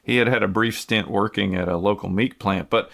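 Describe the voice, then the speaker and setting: A man's voice: lowish voice, a little fast, gravelly, fairly bright tone. A man from the US hosting a podcast, telling a true-crime story in a casual, conversational way with many fillers and restarts. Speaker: podcast host.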